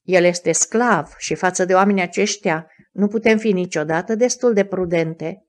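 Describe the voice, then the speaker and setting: A woman's voice: medium pitch, steady tone, lightly acted. A woman reading the part of a proper, curious young noblewoman in an audiobook, probing and reproving.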